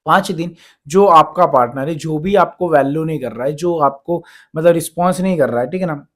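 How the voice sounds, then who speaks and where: A man's voice: on the high side, fairly quick. A man giving relationship advice as a coach, lecturing earnestly and with a lot of repetition. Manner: earnest, repetitive lecturing, acts out complaints of the people he advises. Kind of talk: advice monologue to camera.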